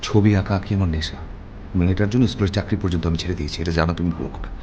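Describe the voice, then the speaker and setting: A man's voice: deep voice, fairly even intonation, rapid-fire, darkish tone, highs cut off, a little hiss or hum, natural voice. An actor playing an artist husband in a TV drama, arguing in a stern, lecturing way with his wife. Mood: reasoning. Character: artist husband arguing over parting, male adult. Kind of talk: TV drama acting.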